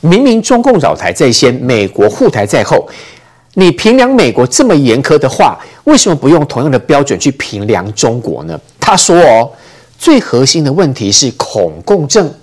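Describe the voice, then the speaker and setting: A man with a Taiwanese Mandarin accent moderates a political talk show. His voice is mid-pitched and animated in its melody. He sums up the news, then turns to his guests with questions. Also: moderate pace. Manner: reads a summary, then poses questions to guests.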